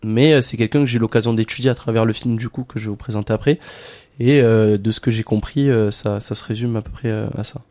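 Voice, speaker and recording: A man with a fairly low voice is a guest in a casual film discussion. He talks haltingly and often searches for his words. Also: steady tone, darkish tone.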